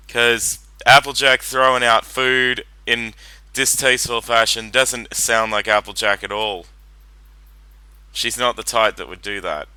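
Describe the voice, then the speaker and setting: A very bright, forceful male voice in a dry, close recording with faint music. He comments casually and rambles, repeating points slowly. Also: medium pitch, smooth, dry recording, rough recording. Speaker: reaction commentator. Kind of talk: casual blind reaction commentary.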